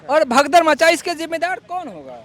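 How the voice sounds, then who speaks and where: A man working as a street reporter, briskly putting questions to a passerby outdoors. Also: very high voice, very animated, a bit bright. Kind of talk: vox pop reporting.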